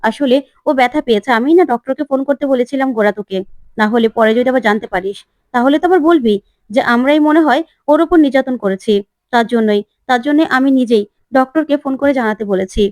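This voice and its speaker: A woman's voice: a little high, a little fast, darkish tone, dry recording, lightly acted. A woman voicing a middle-aged mother defending her son in a retold TV serial. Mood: defensive.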